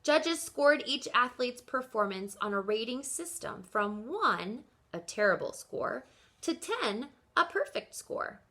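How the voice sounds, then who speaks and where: Pitched on the higher side, a woman's voice reads a picture book for children, teacher-style. She delivers the story with expressive, deliberate emphasis.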